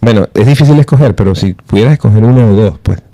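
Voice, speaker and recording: A man hosting a podcast interview in a studio, reacting with lively exclamations and asking questions. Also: fairly low pitch, quick pace, no room sound. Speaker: podcast host. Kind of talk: interview conversation.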